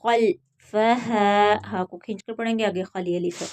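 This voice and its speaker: A woman teaching tajweed, reciting verses in a drawn-out chant and then explaining each letter rule in quick spoken lines. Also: medium pitch, fairly even intonation, a little mellow. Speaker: Quran teacher.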